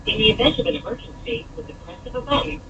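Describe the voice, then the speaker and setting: A woman on a recorded phone message, reading a scripted sales pitch that ignores the caller's replies. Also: wildly swooping pitch, fast talker. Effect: recorded phone message played over a speakerphone. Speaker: telemarketing caller. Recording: distant noisy phone line.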